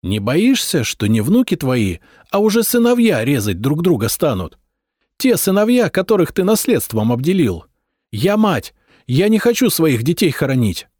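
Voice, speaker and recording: A man's voice: a little high, big pitch swings, moderate pace, a little mellow, dry recording, clean studio sound, voice pushed up. A man reading a novel aloud, voicing a young princess wife who pleads tearfully and argues defiantly with her husband.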